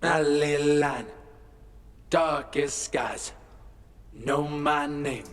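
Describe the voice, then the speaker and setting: A man singing slow, drawn-out lines on a played-back vocal track, thickened by a lightly mixed-in copy with its formant lowered. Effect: sung vocal thickened with a formant-lowered copy mixed in. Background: faint backing music.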